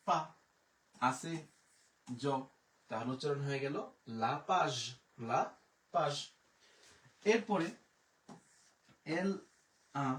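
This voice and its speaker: Man teaching a live pronunciation lesson, patient letter-by-letter spelling, picked up from across a reverberant room. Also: mid-range voice. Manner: spells words out letter by letter, slow repeated pronunciations. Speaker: French teacher. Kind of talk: live online language lesson. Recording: echoey room, distant mic.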